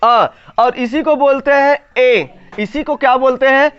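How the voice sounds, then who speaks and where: A male teacher leading a grammar class. He repeats each point as a question to the students and slowly stretches the key words to stress them. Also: very high-pitched, fairly bright tone, clear, resonant tone. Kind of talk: classroom lesson with call-and-response. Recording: slightly dull lo-fi sound.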